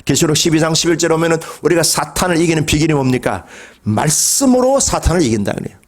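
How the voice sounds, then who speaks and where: A middle-aged man preaching a Sunday sermon as pastor, dropping to quiet asides and rising to emphatic calls, often asking the congregation questions. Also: animated, fast talker. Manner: swings between low quiet asides and raised emphatic calls.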